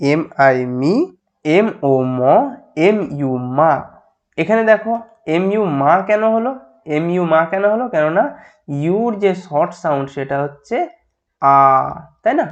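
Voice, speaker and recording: A man's voice: high voice, lo-fi sound. A man with Bengali as his first language, teaching an English phonics lesson, drilling syllables one by one and explaining in between. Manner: drills syllables slowly, then explains in brisk asides.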